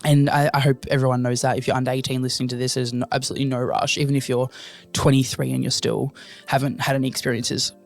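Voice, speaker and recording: A man's voice: medium pitch, flat delivery, fast talker, creaky, soft background music. A young man hosting a casual solo podcast, rambling and joking at his own expense as he talks straight to his listeners. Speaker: podcast host.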